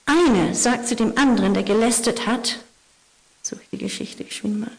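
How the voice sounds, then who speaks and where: A woman preaching a Christmas sermon, telling stories and often dropping to a hushed whisper for emphasis. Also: a little high, normal speed. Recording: long hall reverb.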